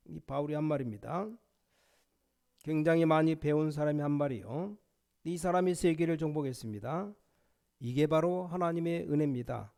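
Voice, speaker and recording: A middle-aged man preaching a sermon as pastor, emphatic, his voice rising to near-shouts when he quotes. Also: on the high side.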